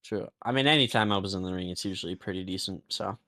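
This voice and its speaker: A man co-hosting a wrestling podcast, excitedly recapping events in casual, profane chat. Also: deep voice, fast talker. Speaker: podcast co-host.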